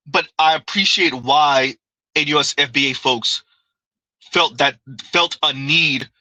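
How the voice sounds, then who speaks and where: A man runs a live stream, reading out viewers' comments and replying loosely and conversationally, repeatedly circling back with "right?" amid plenty of laughter. His slightly high voice has a sharp tone, and the rough recording has no room sound.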